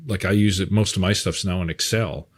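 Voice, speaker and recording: A man's voice: low voice, steady tone, a little fast. A middle-aged man, reading viewer questions and chatting in an easygoing way. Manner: easygoing, reads questions, laughs often. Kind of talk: casual chat.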